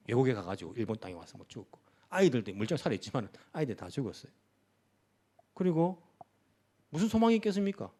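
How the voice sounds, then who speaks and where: A man preaching a sermon as pastor of a church, pressing his listeners with rhetorical questions. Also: mid-range voice. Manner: animated preaching with many rhetorical questions to the congregation. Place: church sanctuary.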